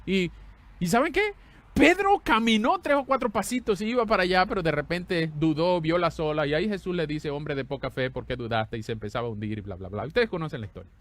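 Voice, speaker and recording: Male pastor, slightly high-pitched, animated sermon delivery that swings from exclamations to hushed lines. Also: quick pace. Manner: conversational, asks the congregation questions.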